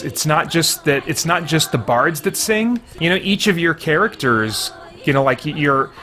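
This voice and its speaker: Here a man with a medium-pitched, slightly bright voice plays a video game and reviews it, offering casual, thinking-aloud commentary and mild slangy exclamations.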